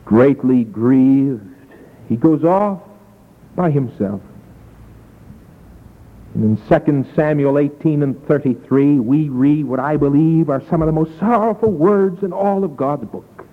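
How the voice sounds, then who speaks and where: Dramatic male preacher, high voice, tinny phone-thin recording. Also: measured pace. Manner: dramatic storytelling, swings from loud to hushed. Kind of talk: evangelistic sermon. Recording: tinny lo-fi echoey hall.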